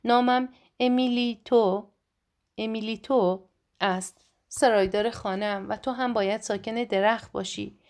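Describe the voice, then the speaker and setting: A woman's voice: a little high, fairly even intonation, darkish tone, lightly acted. A woman voicing an old male house caretaker who talks bluntly and defensively in a read story. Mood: calm.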